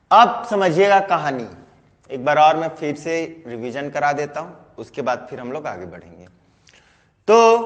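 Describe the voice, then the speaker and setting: A man's voice: fairly high pitch, in a large hall. Chhattisgarhi man chanting in a lesson. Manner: call-and-response questions, chanting repeated words. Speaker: teacher. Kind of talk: online class mnemonic lesson.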